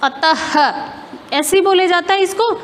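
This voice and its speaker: High-voiced woman teaching grammar, echoey. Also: moderate pace, a little hiss or hum. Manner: explains step by step, asks and answers her own questions. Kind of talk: classroom lesson.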